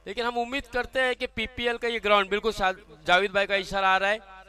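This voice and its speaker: A man with an Indian accent giving live, excited cricket commentary, effusive and dramatic as he calls the big hits. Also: sits high, fast.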